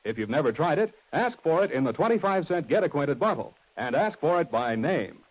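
A man's voice: a little high, big pitch swings, brisk, husky. An American man announcing in the chipper manner of a 1940s radio ad. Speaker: radio announcer and sponsor pitchman. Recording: dull old radio recording, music.

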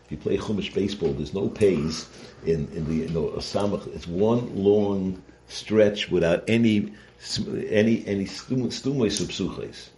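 Low-voiced man giving Torah lecture. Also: warm tone, a little hiss or hum. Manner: conversational, halting, repeats phrases, rhetorical check-ins. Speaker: rabbi giving a Torah lesson. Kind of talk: informal sermon, Torah lecture.

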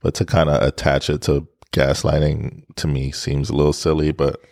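A man's voice: extremely low pitch, little pitch movement, moderate pace, gravelly, darkish tone, no echo, studio quality. A man co-hosting a podcast, chatting casually and laid-back, sometimes hesitant and restarting his sentences. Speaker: podcast co-host. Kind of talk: casual chat.

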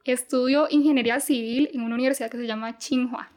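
A young woman, a university student, talking calmly as a podcast guest. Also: sits high, fast talker. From Costa Rica. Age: young adult. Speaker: podcast guest, Mandarin teacher. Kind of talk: casual podcast chat.

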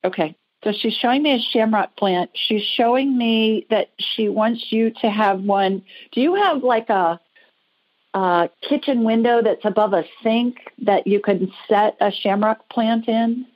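A woman with an American accent hosts a call-in psychic show, giving conversational readings in a chatty, informal, reassuring way. Her pitch is fairly high and her pace measured, and the audio is dull and lo-fi.

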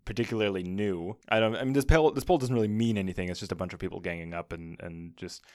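A man's voice: low voice, fast, dry recording. A man co-hosting a podcast, chatting casually with a dry, wry manner and reading old archive clips aloud. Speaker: podcast co-host.

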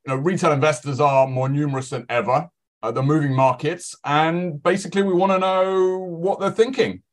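A man's voice: a little high, fairly even intonation, normal speed. A man speaking as an analyst on a podcast, giving conversational market commentary. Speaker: financial analyst guest.

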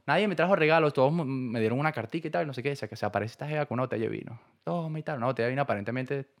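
Fast-talking man. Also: medium pitch. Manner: fast animated storytelling with slang and repetition. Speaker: podcast co-host. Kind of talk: casual storytelling chat.

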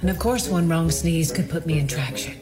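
A woman's voice: deep voice, a little fast. A woman in her fifties, reciting a wry, self-mocking list of aging complaints with a singsong refrain. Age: 50s. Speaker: featured clip speaker. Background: music.

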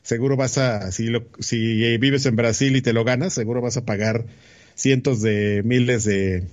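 Mid-pitched Mexican man, slangy podcast chat. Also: fairly even intonation, unhurried, a little mellow, lo-fi sound. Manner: slangy, swears casually. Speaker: podcast co-host. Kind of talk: casual chat about gaming news.

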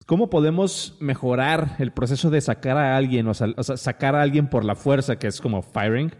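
A man's voice: medium pitch, fairly quick, darkish tone, in a large hall. A man with a Mexican accent hosting a casual podcast chat, rambling with many restarts and fillers. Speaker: podcast host.

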